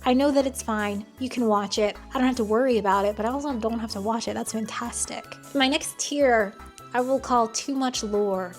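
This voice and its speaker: A woman's voice: fairly high pitch, moderate pace. An American woman giving casual, opinionated commentary in a blunt, wry, conversational way. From United States. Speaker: video commentator. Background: music.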